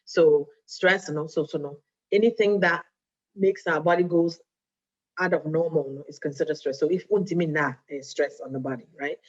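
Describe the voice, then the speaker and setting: A woman's voice: deep voice, steady tone, normal speed. Woman as a diabetes educator, chatty and easygoing, dull lo-fi recording. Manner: conversational, often checks in with "right?"; mixes Twi phrases into English. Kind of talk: casual health talk.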